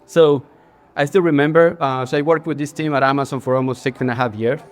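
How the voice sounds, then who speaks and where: Speaking fast with fairly even intonation, this forties-aged creative director from Ecuador chats as the guest in a casual interview at a bar with a live audience. His voice is medium in pitch and carries an Ecuadorian Spanish accent. He is earnest and keeps restarting and using fillers.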